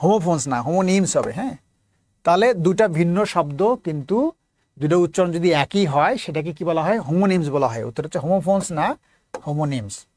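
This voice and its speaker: A man's voice: fairly high pitch, animated, brisk, a little mellow, no echo. A man teaching exam prep, asking questions and answering them himself, repeating the key answers. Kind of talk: lecture mixing Bengali and English.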